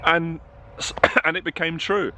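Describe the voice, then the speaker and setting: A man's voice: fairly high pitch, steady tone, a little slow, pushed and bright, slight background noise. A man who coaches confidence, talking openly to camera and getting passionate and emotional. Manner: open and emotional, growing passionate. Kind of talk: candid talk to camera. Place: outdoors in a town.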